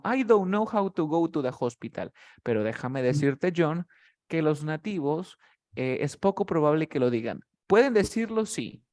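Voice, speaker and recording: A man's voice: fairly high pitch, darkish tone. Patient male English tutor. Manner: patient, explains step by step with many checks like "¿cierto?". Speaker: English teacher. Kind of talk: one-on-one English lesson.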